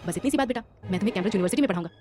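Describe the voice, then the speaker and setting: An older man in a story, soft-hearted and eager to please his daughter, as a woman narrator puts him on. He rushes through his promises at a very fast pace over background music. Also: mid-range voice, animated, lightly acted. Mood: doting. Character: older doting father figure, man.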